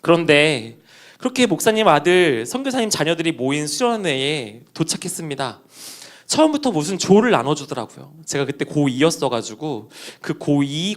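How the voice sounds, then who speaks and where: Young male preacher, storytelling sermon, lively and fairly high. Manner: personal anecdote with quoted dialogue, addresses congregation.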